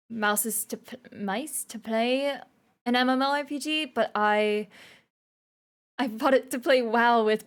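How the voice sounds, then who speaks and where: A woman live-streamer chatting casually with her viewers. Her voice sits a little high, and she giggles often as she rambles from one thought to the next.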